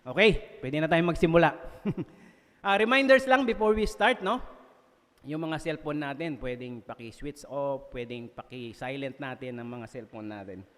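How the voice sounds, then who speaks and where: A Filipino man delivers a sermon in a fairly high voice, lively and quick to joke at his own expense. He keeps checking in with his congregation as he goes. His voice rings with the long reverb of a church hall. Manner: lively, jokes and laughs at himself, often checks in with listeners. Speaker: preacher. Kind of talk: sermon mixing Tagalog and English.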